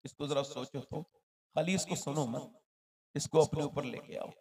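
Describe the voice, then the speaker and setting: A man preaching an Islamic sermon, telling a story with passion and rising to loud shouts as he questions the crowd. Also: fairly high pitch, unhurried. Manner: addresses the crowd directly with questions.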